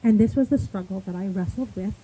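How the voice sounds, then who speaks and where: A woman's voice: mid-range voice, fairly quick, warm tone, a little hiss or hum, low-quality recording. A woman giving a heartfelt eulogy for her husband at a memorial, talking in an earnest, raw way that turns pleading at times.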